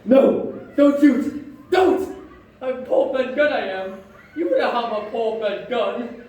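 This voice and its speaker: A man's voice: very high-pitched, a little slow, darkish tone. A man playing a ragged, half-mad castaway in a live stage play, rambling jittery and calling himself by name. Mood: frightened. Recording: echoey hall from far off, faint background noise.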